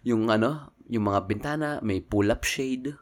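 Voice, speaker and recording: A man chatting casually as a podcast co-host, laid-back and slangy, getting animated when excited. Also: mid-range voice, a little slow. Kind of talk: casual chat.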